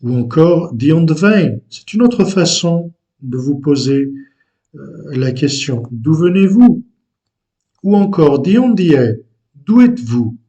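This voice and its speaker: Slow, hesitant man teaching language. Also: a little high, very animated, dark tone. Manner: slow and deliberate, with frequent hesitations. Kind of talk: unscripted language lesson.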